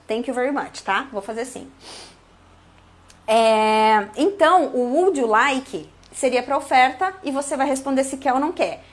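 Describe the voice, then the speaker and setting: High-voiced Brazilian woman teaching English. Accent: Brazilian Portuguese. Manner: lively, chatty, acts out little dialogues. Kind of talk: live online lesson.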